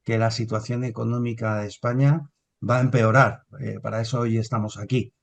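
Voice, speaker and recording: A man, hosting a business videopodcast. He introduces his guests with plenty of "eh" and restarts, speaking at a middle pitch. His tone stays in an ordinary conversational range. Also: level tone, fairly quick, vocal fry. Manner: hesitant, with many fillers and restarts. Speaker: podcast host.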